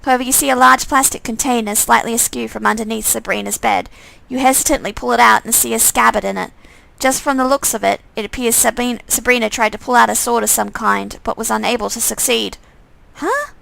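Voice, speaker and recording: A woman streamer reading game text aloud, her voice on the high side with a gravelly fry. The recording is dry and close. She narrates steadily in the second person. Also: steady tone, fast talker, hardly any pauses, a bit bright, dry recording, rough recording. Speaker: streamer reading a visual novel.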